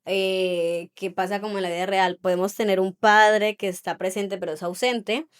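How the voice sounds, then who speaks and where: A woman's voice: mid-range voice, fairly even intonation, moderate pace, clear, resonant tone. A middle-aged woman co-hosting a faith podcast, speaking in a reflective, conversational way. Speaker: podcast co-host. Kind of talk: casual faith podcast chat.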